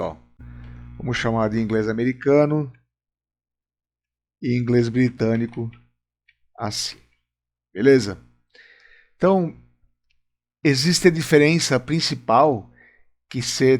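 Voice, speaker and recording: In a room with a whiteboard, a Brazilian man gives a video lesson in English, explaining step by step and frequently checking in with viewers. His voice is mid-range.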